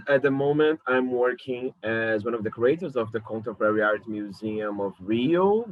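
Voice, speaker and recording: Recorded on a camera mic in his apartment, a man in his thirties from Brazil lectures in English, his second language, with a Brazilian Portuguese accent. He works as a curator and lecturer and comes across as thoughtful, frequently hesitating and correcting himself. The voice is on the low side and the audio sounds dull.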